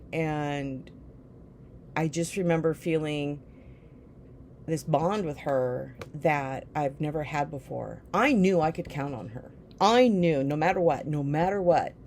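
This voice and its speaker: Brief: low-pitched woman, rambling memoir storyteller who keeps circling back to her point. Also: slow pace, a little mellow, slight background noise. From Newton, Iowa, USA. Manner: rambling, reflective, often drifting back with "anyway". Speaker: storyteller recounting her life. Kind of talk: casual personal memoir storytelling.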